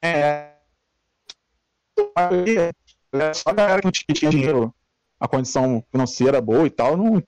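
A Brazilian man in his thirties speaks on a video call with a slightly high voice, and his audio breaks up in choppy, cutting-out bursts. He rambles in a relaxed way and often restarts his sentences. The sound is dry and close, with no room around it. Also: measured pace, pauses often, no echo, faint music behind. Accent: Brazilian Portuguese. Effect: choppy audio cutting out over an online call. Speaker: interview guest. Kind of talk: casual remote interview.

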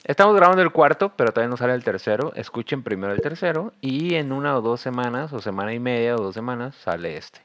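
A man's voice: medium pitch, lively intonation, fast, few pauses, fairly bright tone. Easygoing Mexican man in his thirties. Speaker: podcast co-host. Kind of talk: casual chat. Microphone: remote call.

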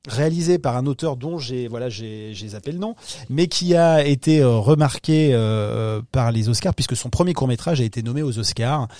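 A man's voice: mid-range voice, normal speed, dark tone, dry recording, studio quality. A man talking about upcoming films in a podcast interview, hesitant, with many fillers and restarts. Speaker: film distribution executive.

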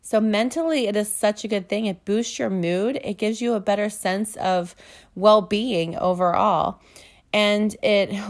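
A young woman with a mid-range voice hosts a casual motivational talk. She sounds earnest and chatty, a little out of breath, and her speech is full of fillers and restarts.

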